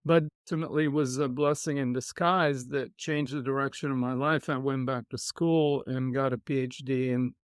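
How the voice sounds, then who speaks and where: A middle-aged man, a podcast guest telling his life story in a reflective, measured way. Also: mid-range voice, fairly even intonation, clean tone, dry recording, clean studio sound. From Israel. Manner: reflective, measured, with soft laughs. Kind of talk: conversational storytelling.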